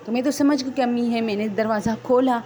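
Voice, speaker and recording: Mellow higher-voiced woman telling a spooky tale. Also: steady tone, a little hiss or hum. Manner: unscripted, conversational, rambling with restarts. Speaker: storyteller. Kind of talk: first-person horror story telling.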